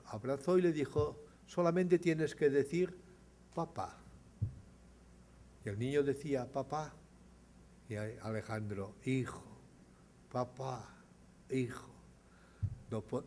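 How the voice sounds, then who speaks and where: A man's voice: mid-range voice, slight background noise. Older man telling moving stories. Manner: dramatizes dialogue with rising, louder voice. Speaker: speaker at an award ceremony. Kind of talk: storytelling speech.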